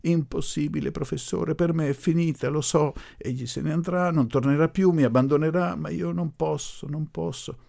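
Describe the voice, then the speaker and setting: A man voicing a desperate grieving young woman, pleading in a high, wailing voice. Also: fairly even intonation, moderate pace, vocal fry, hardly any pauses, mellow, full character voice. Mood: despairing. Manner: despairing, pleading.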